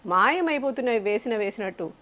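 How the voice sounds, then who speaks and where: A woman's voice: on the high side, lively intonation, fairly quick, a bit bright. A woman voicing an upset, devout young village woman who insists her things were stolen. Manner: insistent, complaining.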